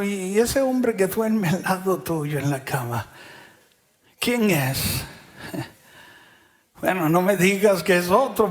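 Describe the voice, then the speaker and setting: A middle-aged man preaches in a high, gravelly voice. He tells his sermon as a story, acting out what the people in it said and often pausing to check in with his listeners. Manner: storytelling, often adds "¿verdad?"; acts out what others said in the story.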